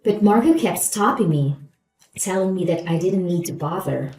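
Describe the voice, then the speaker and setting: A woman's voice: fairly low pitch, animated, moderate pace, darkish tone, echoey room, soft background music, low-quality recording. A woman acting a gloating, falsely polite new wife in a scripted story, with a saccharine, condescending manner. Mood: falsely gracious.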